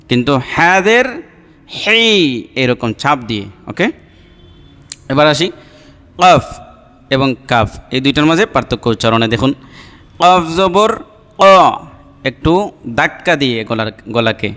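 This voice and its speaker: Slow, clear-voiced male Quran teacher. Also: mid-range voice, a bit bright, big-room sound. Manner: repeats each letter sound twice, explains patiently. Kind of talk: slow step-by-step pronunciation lesson.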